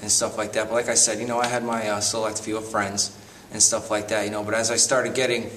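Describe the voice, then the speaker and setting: A man in his late twenties from Connecticut rambles through his memories, full of restarts. His voice is low, picked up from a distance with a faint hiss. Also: flat delivery, fast talker, fairly bright tone. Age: 20s. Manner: rambling, lots of you-knows and restarts. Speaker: interviewee. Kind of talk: documentary testimony.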